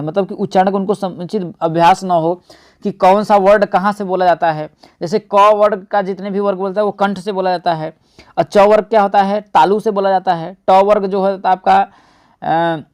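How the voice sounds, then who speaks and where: A man's voice: sits high, a little mellow. A man teaching an exam-prep lesson, often asking and answering his own questions and calling his viewers friends.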